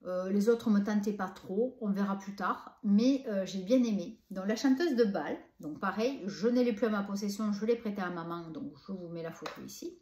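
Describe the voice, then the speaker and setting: A woman's voice: medium pitch, moderate pace, few pauses, mellow, reverberant. A woman from southern France with a southern French accent, chatting enthusiastically about books she has read, with many hesitations. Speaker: book vlogger. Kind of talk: casual book review.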